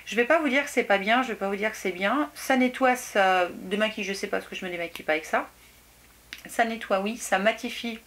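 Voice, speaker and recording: A young woman talks through her used-up beauty products in a relaxed, chatty way. She hesitates often, repeats words and restarts sentences. Her pitch sits in an ordinary middle range. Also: brisk. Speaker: beauty vlogger. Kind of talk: casual product review.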